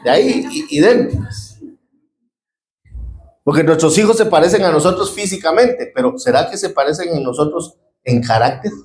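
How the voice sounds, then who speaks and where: A man's voice: on the high side, expressive, moderate pace, pauses often, a little mellow, reverberant, poor audio. A middle-aged man with a Guatemalan Spanish accent preaching a sermon as a pastor, calling out to his congregation for responses.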